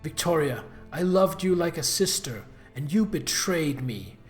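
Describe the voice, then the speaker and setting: A man's voice: a little high, expressive, unhurried, faint music behind. Man reading as a stern, earnest noblewoman leader. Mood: hurt. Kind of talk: reading video game dialogue aloud.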